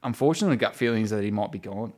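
A man's voice: fairly low pitch, racing, darkish tone. An Australian man co-hosting a casual football podcast from a wooden shed, talking in a thoughtful, hesitant way. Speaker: sports podcast co-host. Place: in a wooden shed in the countryside, poorly soundproofed.

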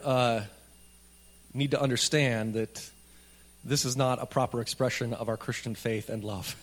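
A man preaching a sermon at a pulpit microphone in a church, speaking in a plain, conversational way with light jokes for the congregation. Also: medium pitch. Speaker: pastor. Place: church sanctuary.

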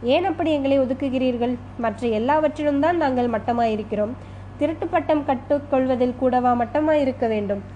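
A woman narrator voices a clever young woman who likes to outwit the men around her. She speaks with mocking, self-assured ease. The voice is slightly high, over a faint hiss. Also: normal speed, mellow, lo-fi sound, lightly acted. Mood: mocking, sure.

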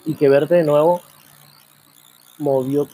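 Male host, reflective monologue, slightly raised pitch, mellow dark tone, many rhetorical questions. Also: fairly even intonation, slightly rough. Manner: musing, full of rhetorical questions, slow drawn-out pauses. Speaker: program host.

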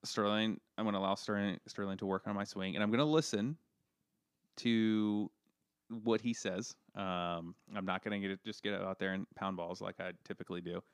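Rambling man with a smooth low voice. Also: fairly even intonation, moderate pace, no room sound, studio quality. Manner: rambling, filler-heavy, self-deprecating. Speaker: podcast co-host. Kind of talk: casual chat.

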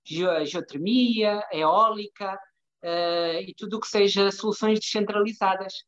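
A woman's voice: mid-range voice, measured pace. European Portuguese woman, dull lo-fi audio. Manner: hesitant, searching for words, frequent checking tags. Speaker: interview guest, development bank professional. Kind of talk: conversational interview explanation.

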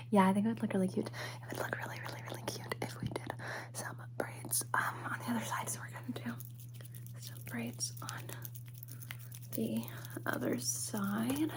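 A young woman whispering softly and slowly in a personal-attention ASMR roleplay, close to the microphone. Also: mid-range voice. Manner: soft whispering, slow and close. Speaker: ASMR creator. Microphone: close sensitive mic.

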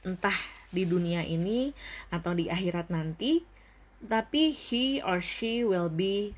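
Speaking in a fairly low voice, a young female vlogger talks to her audience in a relaxed, reflective way. She slips in English phrases now and then, and her thoughtful delivery is full of pauses and filler words.

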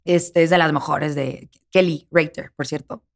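A woman's voice: low-pitched, steady tone, measured pace. A woman in her thirties with a Mexican accent, a guest actress in a casual interview, talking emphatically and repeating words for stress.

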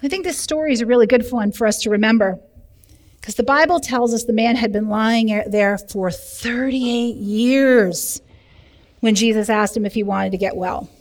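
A woman leading a recovery group, teaching in a lively way and speaking directly to the room with humor. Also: fairly high pitch, normal speed. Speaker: recovery program leader. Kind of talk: sermon teaching. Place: church meeting room. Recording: long hall reverb.

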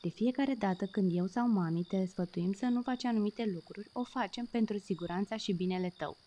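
A woman voicing a gentle, caring father tomcat who patiently corrects his kitten. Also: medium pitch, lightly acted.

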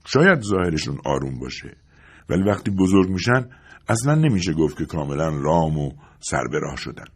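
A man's voice: low voice, sing-song, breathy edge, full character voice. A man reading an audiobook, voicing a brusque, guarded young husband who speaks in short, clipped remarks. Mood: curt. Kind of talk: audiobook character voice.

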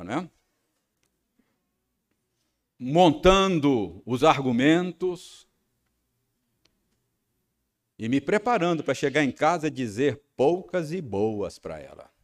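Taking it slowly and pausing often, a man with a slightly high, sing-song voice and a Brazilian Portuguese accent preaches a sermon as a pastor. He tells a personal story with frequent tag questions and acts out his own angry rehearsal.

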